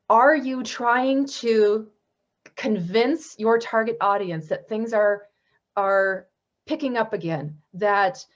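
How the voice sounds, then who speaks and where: A woman's voice: on the high side, lo-fi sound. A woman giving a webinar presentation on marketing, talking in an enthusiastic, conversational teaching manner. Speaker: marketing speaker.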